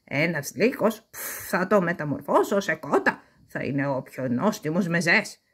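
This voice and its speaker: A wicked old witch who croaks in a low, menacing voice, as a woman reads her out. The voice is husky. It is from a children's storybook read aloud. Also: animated, a bit bright.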